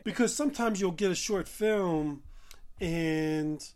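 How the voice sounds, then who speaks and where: A man hosting a casual interview for a film festival, speaking haltingly with many fillers. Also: high-pitched, a little mellow.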